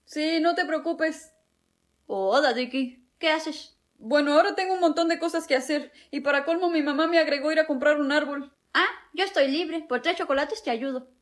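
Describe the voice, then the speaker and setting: A woman from Cuba who speaks with a Mexican Spanish accent, acting out comedy sketches and switching quickly between sassy family characters. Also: high-pitched. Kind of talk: comedy sketches playing several family members.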